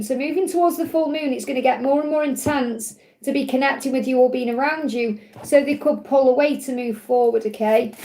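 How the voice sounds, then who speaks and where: High, mellow-voiced middle-aged woman, slightly croaky. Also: slight background noise, low-quality recording. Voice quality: slightly croaky when hot. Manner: reassuring, repeats points in parallel phrases. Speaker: tarot reader, live show host. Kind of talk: live tarot love reading to viewers.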